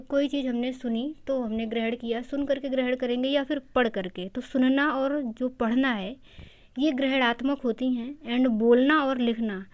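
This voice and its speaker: A woman teacher with a fairly high-pitched voice gives an exam-prep lecture. She goes through the material step by step, repeats key terms, and mixes English words into her speech.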